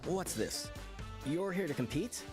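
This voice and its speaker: Fight-tournament gatekeeper: brusque, offhand, a little high, game dialogue. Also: male voice, lively intonation, a little slow, over music. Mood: skeptical.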